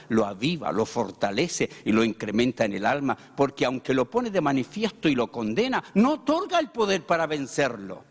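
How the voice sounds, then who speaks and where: A man's voice: fairly high pitch, husky. A man preaching a sermon as a pastor, with an emphatic delivery that rises sharply on key words. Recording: long hall reverb.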